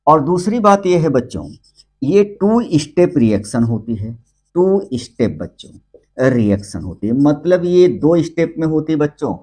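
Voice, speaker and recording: A man teaches a chemistry lecture in Hindi mixed with English terms, constantly calling the students "बच्चों" and answering his own questions. His voice is a little high and mellow, a little slow, with big pitch swings. He repeats key terms with rising and falling emphasis.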